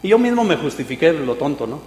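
A man preaching a sermon, telling a humorous personal story with loud exclamations and quiet asides. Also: on the high side, very animated, fast talker. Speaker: pastor. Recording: echoey hall with mains hum.

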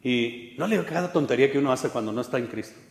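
Preacher in an echoey hall. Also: male voice, medium pitch, animated, very fast, vocal fry. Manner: conversational storytelling, humorous asides. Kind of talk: sermon. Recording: echoey hall with long reverb.

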